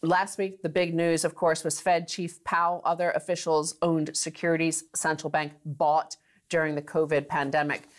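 A woman's voice: level tone, normal speed. A woman co-hosting a finance talk show, chatting and laughing lightly as she talks in a studio. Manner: chatty, laughs through lines, rising pitch for emphasis. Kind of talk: conversational studio commentary.

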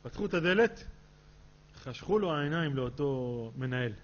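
A man, a rabbi, telling a story in a sermon and acting out his characters' dialogue in a lively way. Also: medium pitch. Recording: dull lo-fi recording with faint hum.

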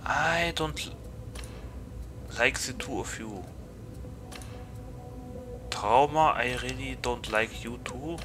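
A man's voice: mid-range voice, slow pace, long pauses, over music. A man with a German accent streaming a game, chatting playfully and getting flustered easily. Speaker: VTuber streamer. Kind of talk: casual gaming stream chat.

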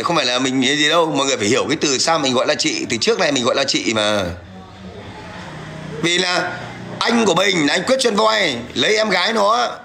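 Gravelly man ranting. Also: a little high, bright, forceful tone, slight background noise. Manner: aggressive, taunting, coarse. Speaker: livestreamer. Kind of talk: livestream rant.

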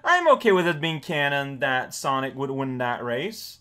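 A man's voice: mid-range voice, animated, normal speed, sharp tone, clean tone. A man giving casual let's play commentary, with wry, rambling asides. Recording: voice over game music. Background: video game music and sounds.

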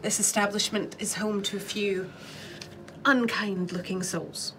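A woman's voice: medium pitch, fairly even intonation, unhurried, sharp tone, slight background noise. A woman voicing a stern, guarded human ranger woman who leads a fantasy company in a tabletop game. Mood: guarded, firm.

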